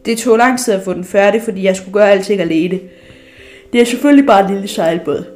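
A woman's voice: medium pitch, darkish tone, soft background music, natural voice. A woman reading a storybook aloud, voicing a stout, boastful male sea captain who has become king of an island.

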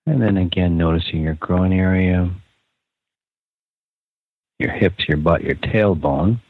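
A man leading a guided meditation podcast in a calm, casual, unscripted way, with pauses between short phrases. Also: sits low, no room sound. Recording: muffled, phone-like narrow sound.

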